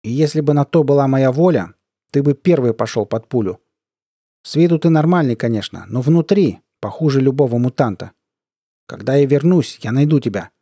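A man reads a stern male clan fighter. His voice is firm and steady, mellow and low-key, recorded dry and close. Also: normal speed, dry recording.

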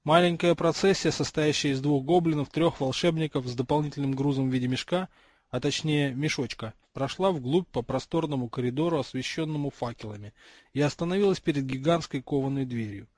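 A man reading a fantasy audiobook aloud, with steady, expressive storytelling. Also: fairly high pitch, fairly quick, dry recording. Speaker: audiobook reader. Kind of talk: audiobook narration.

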